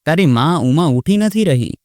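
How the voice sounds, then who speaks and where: A man's voice: a little high, lively intonation, moderate pace, darkish tone, no room sound, studio quality, lightly acted. A man voicing a grieving old husband who pleads in a choked, trembling voice.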